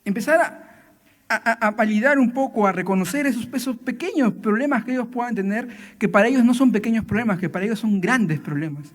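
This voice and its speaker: A man with a high-pitched voice preaches to families at church, chatty and direct, peppering his talk with quick tag questions. He acts out little scenes between parents and children. A long reverb trails behind his words in the hall. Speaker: church speaker. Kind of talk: sermon.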